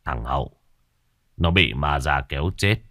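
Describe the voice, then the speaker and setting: A man voicing a sorrowful middle-aged fisherman who speaks haltingly, in a storybook reading. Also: mid-range voice, big pitch swings, slightly rough, voice pushed up. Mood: grieving. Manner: halting, stammering speech. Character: grieving middle-aged fisherman father, low and heavy.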